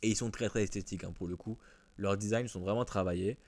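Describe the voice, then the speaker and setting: A man walks through a software tutorial in a casual way, with many fillers and restarts. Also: fairly low pitch, fairly even intonation, fast. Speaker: WordPress tutorial host. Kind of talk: screen-recorded software tutorial.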